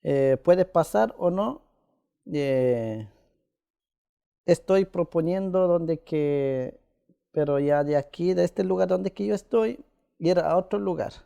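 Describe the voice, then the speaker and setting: Soft-toned man. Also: fairly high pitch, creaky, clear, resonant tone. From Ecuador. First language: Quichua. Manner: halting, with many pauses and "eh" fillers. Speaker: interviewee. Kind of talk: casual conversation.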